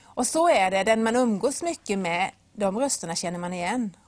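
A woman's voice: medium pitch, expressive, no echo. Woman giving a simple devotional talk. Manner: storytelling with acted-out voices and a whispered aside; speaks directly to the listener with simple examples. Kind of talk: devotional talk retelling a Bible story.

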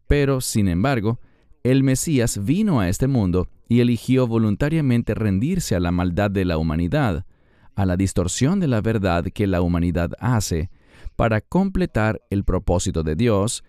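A man's voice: lowish voice, mellow, smooth, dry recording, clean studio sound. A man as a guest Bible teacher, explaining in an emphatic way. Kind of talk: Bible discussion.

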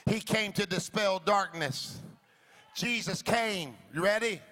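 A man delivers a rousing sermon in a very high-pitched, forceful voice with a gravelly edge. He booms out biblical narration in emphatic, stretched phrases, repeating them rhythmically over background music. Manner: emphatic, drawn-out declarations with rhythmic repetition. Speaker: preacher. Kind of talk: rousing call-and-response sermon. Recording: music playing behind the preaching.

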